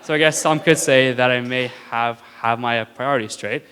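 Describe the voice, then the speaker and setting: On an auditorium stage, a young Indian man in his twenties gives an earnest student talk, audibly stuttering by repeating words and sounds and adding light humor for the audience. His medium-pitched voice is steady, fairly bright and moderately paced; the recording has long hall reverb and a little hiss or hum.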